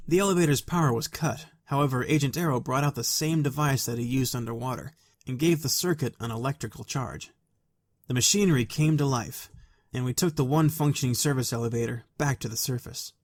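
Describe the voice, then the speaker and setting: A man narrating a fan story aloud in a quiet, even, soft-spoken way. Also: medium pitch, fairly quick.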